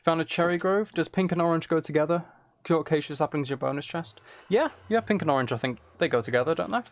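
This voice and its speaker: Playing a building game, a streamer with a fast, fairly high voice chats casually with viewers, thinking aloud and correcting himself as he goes. The recording carries a little hiss or hum.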